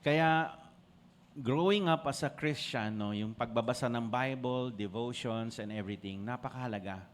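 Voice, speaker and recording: Switching back and forth between Tagalog and English, a Filipino-accented pastor preaches and asks his congregation to respond. He talks at a moderate pace in a medium-pitched voice, with slight background noise.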